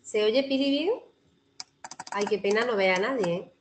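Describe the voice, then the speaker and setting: A woman's voice: medium pitch, normal speed, slight background noise. A woman physiotherapist with a Spanish accent giving a chatty, informal talk to a breastfeeding group over a video call, with many tag questions and restarts. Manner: chatty, warm-hearted, frequent "¿no?" tags and restarts.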